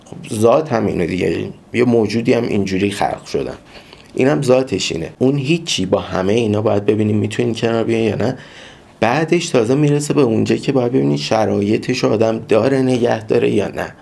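Low gravelly man telling a story. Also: a little mellow. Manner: reflective, informal and earnest. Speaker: podcast host. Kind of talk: personal storytelling monologue.

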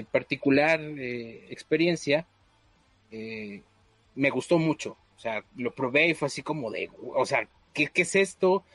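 Hesitant host, dry sound. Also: male voice, mid-range voice, no echo. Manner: hesitant, many fillers. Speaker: podcast host. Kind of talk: casual chat.

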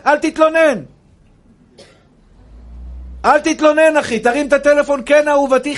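A young male rabbi delivers a fervent sermon in a notably high voice. He pleads and scolds his listeners and keeps calling each of them brother. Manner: impassioned preaching, addressing listeners as brother.

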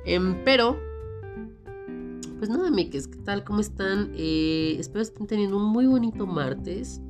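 A woman's voice: medium pitch, animated, a little slow, music in the background. Rambling Mexican woman with a cold. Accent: Mexican Spanish. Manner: rambling, playful, self-mocking. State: has a cold, sore throat. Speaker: podcast host. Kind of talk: casual solo podcast chat.

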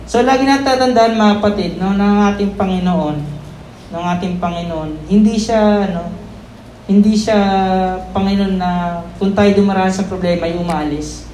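A preacher giving a conversational Sunday sermon, tagging phrases with quick questions to the congregation, mixing in English words and laughing off their own slips. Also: mid-range voice, a little mellow, reverberant, a little hiss or hum, poor audio. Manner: tags nearly every phrase with "no?" and "di ba?"; stumbles, self-corrects and laughs at own slips.

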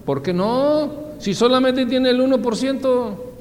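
A man preaching a sermon, asking his listeners questions and answering them himself, swinging between loud high exclamations and low quiet asides. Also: unhurried, a little hiss or hum. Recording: long reverb, faint background ambience.

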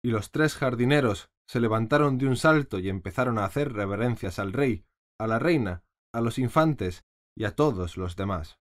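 Male audiobook narrator, animated lilting delivery, mid-pitched storybook reading. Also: normal speed. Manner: expressive reading.

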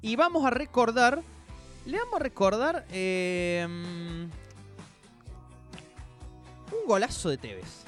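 A man with an Argentine accent talks football as a show presenter. His voice sits high and moves up and down animatedly, with emphatic phrasing in a conversational style. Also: very animated, slow pace, pauses often, soft background music. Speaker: sports radio show presenter. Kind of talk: conversational football nostalgia segment.

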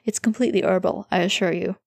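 A woman voicing a composed, formal male psychiatrist who speaks in precise, measured sentences. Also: medium pitch, steady tone, gravelly, no room sound, clean studio sound.

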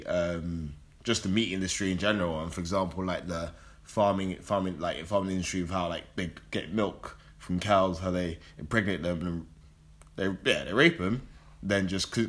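A young man chatting casually and arguing his opinions in an animated, slangy, sweary way. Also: low-pitched, normal speed. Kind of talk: casual chat, debate.

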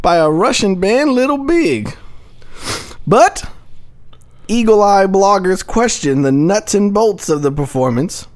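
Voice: medium pitch, a little slow. A podcast co-host, reading a news story aloud in casual banter and breaking into jokes and laughter. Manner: reads a news story aloud with joking asides; animated, laughs through the telling.

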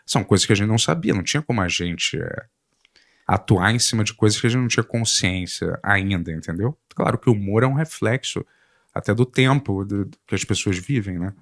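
Um homem com sotaque brasileiro numa conversa descontraída, contando casos e deixando as frases morrerem baixinho. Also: male voice, fairly low pitch, fairly quick, vocal fry, dry recording, clean studio sound. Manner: chatty, storytelling, trails off softly. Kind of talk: casual chat.

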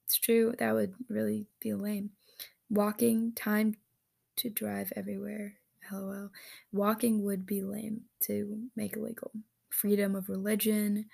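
A woman vlogging on her own, reading answers aloud and reacting with giggles and quick asides. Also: mid-range voice, little pitch movement, vocal fry, dark tone. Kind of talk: casual solo chat.

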